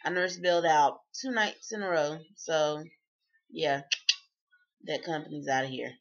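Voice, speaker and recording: A woman's voice: deep voice, fairly even intonation, unhurried. A woman talking casually in a video diary, chatty and sleepy, often breaking into laughs. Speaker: vlogger. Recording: dull lo-fi sound.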